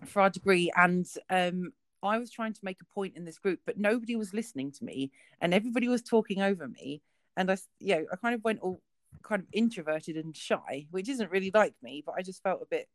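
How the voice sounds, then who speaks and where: A woman's voice: on the low side, no room sound. A woman in her late thirties with a southern English accent, co-hosting a casual podcast chat and telling rambling anecdotes full of ums. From south of England. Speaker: podcast co-host.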